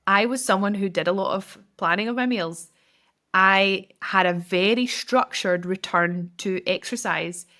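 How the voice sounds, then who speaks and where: A woman's voice: mid-range voice, bright, forceful tone. Chatty woman coaching. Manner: chatty, direct, filler-heavy with frequent "like". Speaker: business coach and podcast host. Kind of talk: casual solo podcast advice.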